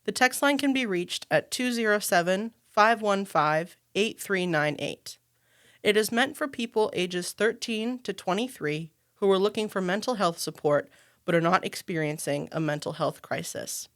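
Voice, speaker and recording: A woman in her twenties hosting a podcast, reading a measured, scripted introduction. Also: medium pitch, animated. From Maine, US. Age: 20s. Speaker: podcast host and program manager.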